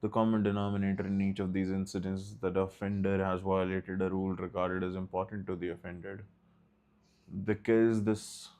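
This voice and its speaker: A man's voice: low-pitched, a little mellow. A man reading a textbook aloud in a study session, stopping now and then for short asides. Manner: reads steadily, breaks off for short asides. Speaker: study group leader.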